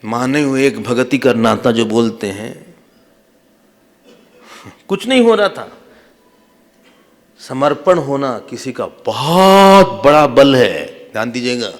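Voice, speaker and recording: A man who is a swami, giving a devotional sermon and telling sacred stories in a lively, humorous way, acting out the quotes. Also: mid-range voice, takes it slowly, long pauses. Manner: animated, humorous, acts out quotes. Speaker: swami, spiritual teacher.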